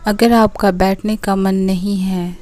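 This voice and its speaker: A woman guides a meditation in a medium-pitched, slightly mellow voice with little pitch movement. Her soothing, unhurried instructions come in short phrases separated by pauses.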